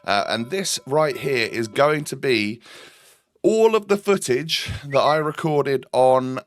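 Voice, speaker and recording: A man speaks slowly and expressively in a mid-range voice, congested as a cold comes on. He's the host of a gaming channel, offering chatty commentary on his gameplay with plenty of ums and repeated words.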